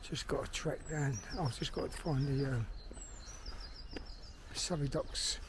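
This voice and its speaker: Birdsong and outdoor noise surround a middle-aged Londoner, a filmmaker and vlogger, as he walks through a park rambling casually to himself. He's blunt and swears, speaking with a medium-pitched voice at a measured pace.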